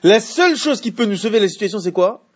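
Man teaching a Torah class, husky voice, questions the students, lo-fi recording. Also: high-pitched, fast. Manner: animated, asks the class questions.

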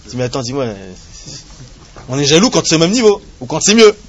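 A man with a high, somewhat husky voice teaches a Torah class to a small group of listeners. He is lively and humorous, peppering his explanation with rhetorical questions and asides to the students. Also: fast, no echo, dull audio. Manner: animated, asks rhetorical questions, jokes with students. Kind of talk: live Torah class lecture.

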